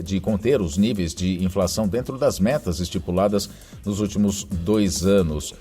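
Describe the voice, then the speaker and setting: Low, mellow-voiced Brazilian man hosting news. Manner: conversational, with self-corrections and asides. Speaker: podcast news host. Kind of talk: news roundup narration.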